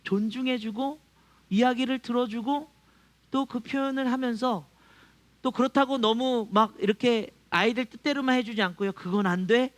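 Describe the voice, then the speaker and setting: A man's voice: very high-pitched, moderate pace. A male pastor preaching a sermon to his congregation, acting out quoted voices and chuckling often. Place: church.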